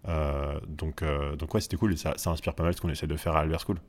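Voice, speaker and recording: A man in his twenties, a school founder, speaking as a guest in relaxed interview talk with frequent fillers. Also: a bass voice. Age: 20s. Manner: fast, measured, many fillers. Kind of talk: casual interview chat.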